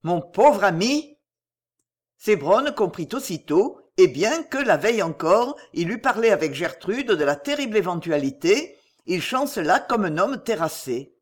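Audiobook narrator, classic novel, expressive reading with a very lively pitch. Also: moderate pace. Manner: expressive storytelling.

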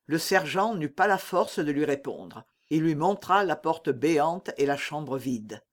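An audiobook narrator reading a classic adventure novel with expressive, lively storytelling. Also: mid-range voice, measured pace.

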